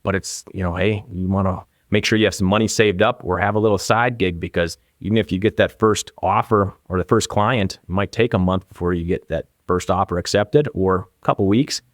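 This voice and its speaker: Speaking fairly quickly with few pauses in a low-pitched voice, this interview guest tells relaxed, anecdotal stories. He's a forty-something real estate agent from northern Minnesota with an Upper Midwestern American accent, recorded dry at studio quality.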